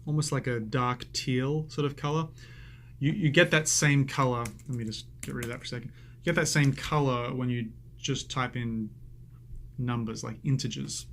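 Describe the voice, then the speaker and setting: A man's voice: mid-range voice, a bit bright, a little hiss or hum. A man teaching a coding lesson over a screen recording, chatty and self-amused, thinking aloud as he types.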